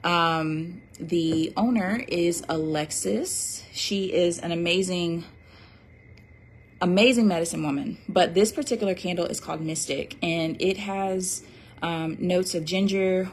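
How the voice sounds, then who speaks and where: Woman, slightly low voice, casual livestream host, chatty with lots of fillers. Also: fairly even intonation, a little slow, slight background noise. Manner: chatty, reads viewer comments aloud, fillers and restarts. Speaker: livestream host selling an oracle deck.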